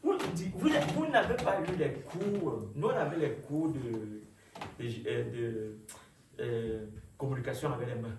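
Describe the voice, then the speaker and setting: Animated preacher man in an echoey hall. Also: mid-range voice, unhurried, background noise. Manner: animated, call-and-response with the congregation. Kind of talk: sermon. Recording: echoey room, mic far off.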